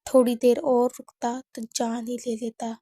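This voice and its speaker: A woman's voice: a little high, flat delivery, measured pace, dark tone, dry recording, clean studio sound. A woman narrator voicing a possessive young man who swings between tender pleading and harsh threats. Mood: menacing. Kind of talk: audiobook character reading.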